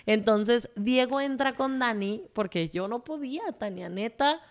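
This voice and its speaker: A woman's voice: on the high side, unhurried. A woman with a Mexican accent, a guest telling her personal story in a candid, emotional way, swearing freely and rambling with fillers. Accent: Mexican Spanish.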